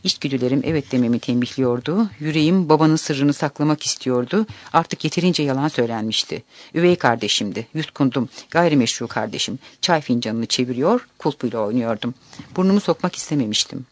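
A man calmly narrating a novel in a measured, reflective audiobook reading. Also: medium pitch, no echo.

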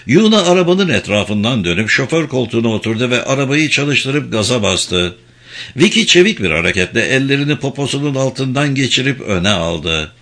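Expressive man narrating a thriller. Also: medium pitch, normal speed. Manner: dramatic, expressive reading. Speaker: audiobook narrator. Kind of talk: scripted narration.

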